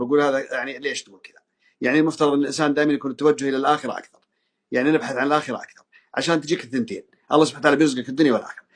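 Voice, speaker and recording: A Saudi man in his forties speaks with a Gulf accent, giving an earnest religious talk to his listeners. His voice is husky and the words come out very fast. He pleads and repeats phrases over and over for emphasis. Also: mid-range voice. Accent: Saudi Gulf Arabic. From Saudi Arabia. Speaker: preacher speaking to an audience.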